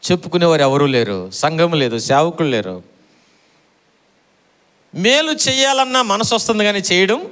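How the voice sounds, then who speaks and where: Male preacher, middle-aged; high, lively sermon delivery that repeats lines and calls on listeners to respond. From Andhra Pradesh, India. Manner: animated, repeats phrases, quizzes the congregation for answers.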